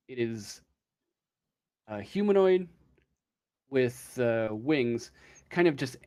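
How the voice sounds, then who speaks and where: Improvising a tabletop RPG story as game master, a man speaks in a halting, stretched-out way. His pitch is medium and his tone somewhat dark.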